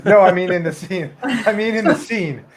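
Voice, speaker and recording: A man's voice: sits high, moderate pace. A man co-hosting a podcast, talking in a hesitant, rambling way. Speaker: podcast co-host. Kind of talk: casual chat.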